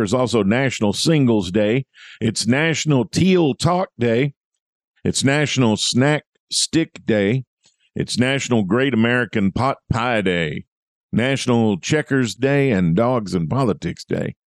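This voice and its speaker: A man with a low voice hosts his own business podcast in a relaxed monologue. He talks in a folksy, chatty way and tosses in little jokes. The sound is close and dry, with no room in it. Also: no echo. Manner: folksy, jokey, chatty asides. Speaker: podcast host and business coach.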